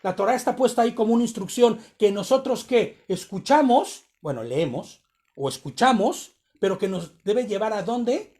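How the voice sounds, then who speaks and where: A man's voice: high-pitched, sing-song, moderate pace, darkish tone. A man giving a conversational sermon on a Torah portion to his congregation, often checking in with short tag questions. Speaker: congregation teacher.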